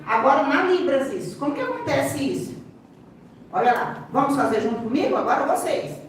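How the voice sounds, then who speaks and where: High-voiced Brazilian woman in echoey hall. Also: lively intonation, fairly quick. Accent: Brazilian Portuguese. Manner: instructive, keeps pointing the audience to the demonstration. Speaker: seminar speaker and sign language interpreter. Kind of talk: live seminar explanation. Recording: very echoey hall, distant mic, faint room noise.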